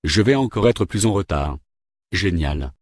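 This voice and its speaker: A man's voice: low-pitched, animated, a little slow, no echo, studio quality. A man voicing an irritable government minister who grumbles and gets impatient, in a read-aloud story. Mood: irritated.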